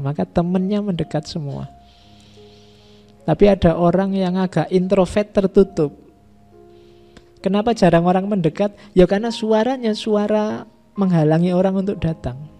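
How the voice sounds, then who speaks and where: A man giving a relaxed, conversational philosophy lecture in a mosque, listing ideas one by one. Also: high voice. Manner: conversational, repeats and lists ideas. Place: mosque hall.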